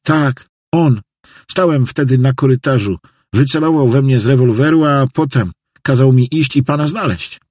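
Guy doing scared church janitor in an audiobook, voice pushed up, earnest and insistent, husky and dry. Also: mid-range voice, moderate pace, darkish tone, no room sound, pitched above the performer's own voice, close to an everyday voice. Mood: frightened. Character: frightened, shaken older church janitor.

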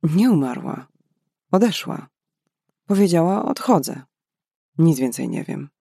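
A man's voice: fairly high pitch, animated, a little slow, vocal fry, mellow, slightly rough, dry recording, clean studio sound, heavily acted. A man voicing a young, easygoing man who speaks in a casual, teasing way in an audiobook. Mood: calm.

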